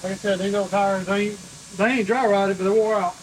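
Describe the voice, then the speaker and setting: A man's voice: sits high, steady tone, fairly quick, slight background noise, rough recording. A man, joking around and giving practical tips while he works on an old truck in his shop. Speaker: custom shop owner, co-host. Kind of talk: casual shop vlog talk. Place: auto shop garage.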